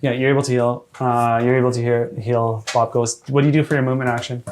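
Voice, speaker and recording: A man running a tabletop game as dungeon master, relaxed and hesitant, laughing easily. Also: medium pitch, quick pace, slight background noise. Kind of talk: casual tabletop game chat.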